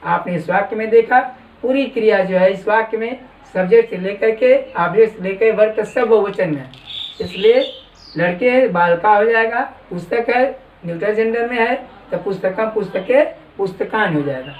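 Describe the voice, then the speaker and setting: A man teaching a classroom lesson, slowly dictating words for students to copy. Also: sits high, phone-quality sound. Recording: echoey room from far off.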